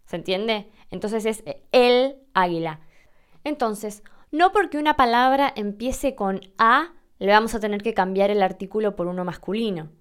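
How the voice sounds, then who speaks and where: A woman's voice: medium pitch, normal speed, clean tone. A woman with an Argentine accent explaining Spanish usage patiently, with examples, as a teacher. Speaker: Spanish teacher answering listener questions. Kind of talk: explanatory lesson.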